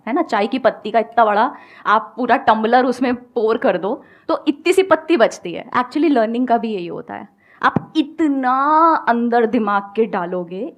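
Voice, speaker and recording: A woman with a fairly high voice, coaching an audience from a stage. She explains patiently with homely examples and slips English phrases into her talk. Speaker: guest speaker. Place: stage before a live audience.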